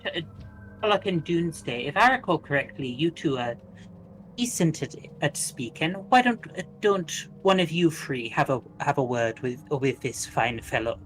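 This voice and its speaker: Lively, halting tabletop player. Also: male voice, on the high side, rough recording. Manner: hesitant, halting. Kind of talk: tabletop game chat.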